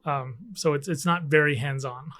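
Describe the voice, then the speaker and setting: A middle-aged Canadian scientist, appearing as a guest, chats casually in an interview set in an office where the air conditioning hums. His voice is a little high, steady and slightly bright at a moderate pace, and he hesitates often with fillers and restarts.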